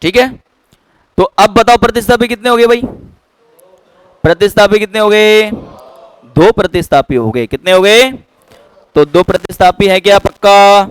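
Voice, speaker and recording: A man's voice: sits high, normal speed, long pauses, smooth, dry recording, poor audio. A man teaching a chemistry class, who keeps checking whether students have understood. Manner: keeps quizzing students with "clear?". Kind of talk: classroom lecture.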